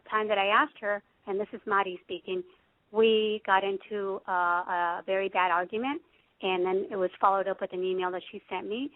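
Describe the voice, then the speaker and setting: A woman speaking as a radio guest, earnest and halting, with frequent fillers. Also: mid-range voice, dry recording. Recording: dry, tinny phone-like line.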